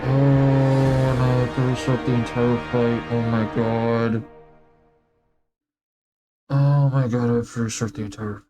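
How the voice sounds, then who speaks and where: A man's voice: medium pitch, flat delivery, a little slow, pauses often. A man chatting casually as a VTuber while he plays a game on a live stream, talking to his viewers. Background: game music.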